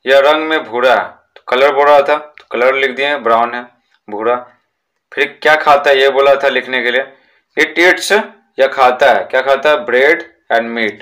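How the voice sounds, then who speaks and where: A man's voice: medium pitch, a bit bright. A man teaching a patient, repetitive lesson. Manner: reads English lines slowly, then explains; repeats points with "ठीक है ना". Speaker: English teacher. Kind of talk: classroom lesson explanation.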